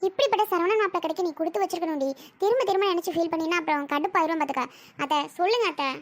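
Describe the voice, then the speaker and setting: A performer playing the bride's bossy young female friend in an amateur family drama skit, brisk and scolding. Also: extremely high pitch. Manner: scolding, brisk, talks quickly.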